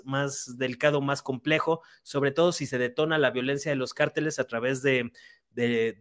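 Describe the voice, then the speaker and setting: A man with a Mexican accent giving political commentary as a journalist guest, with frequent stammered restarts and fillers. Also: medium pitch. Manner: indignant, critical tone.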